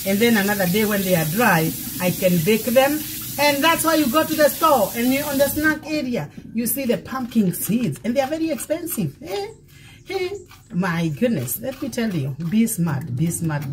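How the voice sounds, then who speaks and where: A woman's voice: medium pitch, background noise. A middle-aged woman, a pastor, talking through a cooking demonstration in her home kitchen, encouraging and often repeating phrases for emphasis. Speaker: pastor hosting a cooking show. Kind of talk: casual cooking demonstration with preaching.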